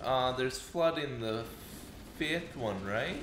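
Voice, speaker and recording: A man's voice: mid-range voice, animated, slow, echoey room, background noise. A young man co-hosting a casual let's-play, curious and laid-back, asking lots of questions as he plays. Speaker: co-host of a gaming channel.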